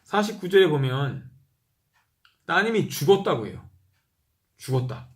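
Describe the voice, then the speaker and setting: A man reads Bible passages at an unhurried pace, going back over key verses. He breaks off now and then to explain things in a relaxed, conversational way. He raises his voice when he reads out quoted speech. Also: a little high. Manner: reads slowly, repeating verses and pausing to explain. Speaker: Bible reader. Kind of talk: reading scripture aloud with commentary.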